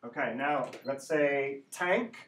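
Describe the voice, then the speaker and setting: A male ESL teacher leads a slow pronunciation drill in class, repeating sounds and frequently checking understanding with a quick tag question. His voice is mid-range and unhurried. The room echoes, the mic is distant, and there's background noise.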